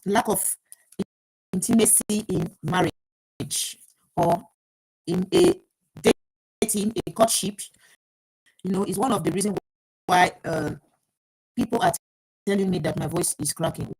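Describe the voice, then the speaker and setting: A woman with a lowish, darkish, slightly rough voice speaks unhurriedly with long pauses, on poor audio. She hosts a live online talk show via an earpiece mic, flustered as she works through technical trouble aloud with many fillers and restarts.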